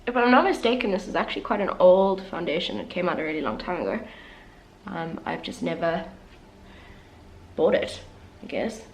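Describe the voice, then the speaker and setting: A young woman's fairly low, expressive voice guides viewers through a makeup tutorial at a normal speed. She's a beauty vlogger, chatty and candid with self-deprecating asides, and a little congested as she recovers from the flu. The recording is rough, with a little hiss or hum.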